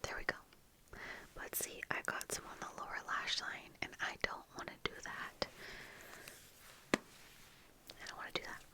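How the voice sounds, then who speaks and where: In a small indoor room with bookshelves, a young woman records a whispered get-ready-with-me ASMR video, her breathy voice close to a fluffy-covered desk microphone. She chats casually but slowly and softly, stopping now and then to apply makeup.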